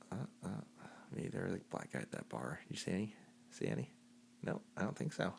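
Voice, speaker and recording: A man co-hosting a podcast in casual chat, animated and swearing casually, with swings between loud and quiet. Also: low voice, creaky, breathy edge. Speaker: podcast co-host.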